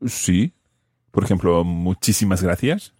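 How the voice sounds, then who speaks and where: A man's voice: deep voice, expressive, a little slow, dark tone, husky, dry recording, studio quality. A man co-hosting a casual lesson chat, curious and asking follow-up questions as he learns. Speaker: podcast co-host and Spanish learner.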